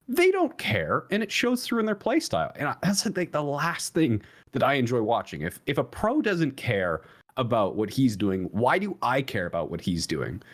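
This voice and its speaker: A man co-hosting an esports talk show, explaining his view in a rambling way, with many restarts and fillers. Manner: rambling with many restarts and fillers, jumps higher when emphatic. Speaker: esports podcast co-host. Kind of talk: casual analytical chat.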